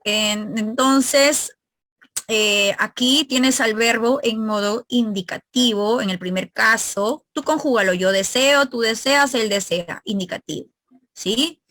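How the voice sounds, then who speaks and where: A woman's voice: fairly high pitch, slow pace, a bit bright, no room sound. A woman teacher leading an online exam review class, asking her students questions and explaining grammar step by step.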